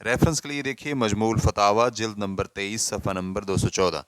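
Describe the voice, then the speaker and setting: Man, low smooth voice, steady formal reading of a religious ruling, dry close sound. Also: no room sound. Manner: measured, even recitation with cited references.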